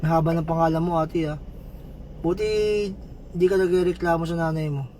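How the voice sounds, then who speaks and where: A man livestreaming, chatting with viewers, giving shoutouts and telling a joke story in a casual, playful way. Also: fairly high pitch, flat delivery, moderate pace, slight background noise. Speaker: livestream vlogger.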